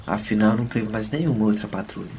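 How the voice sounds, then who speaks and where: A man's voice: lowish voice, fast talker, a little mellow, a little hiss or hum, lightly acted. A man voicing a sarcastic, knowing young adventurer mage in a fantasy audio drama, wry and explanatory. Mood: explaining.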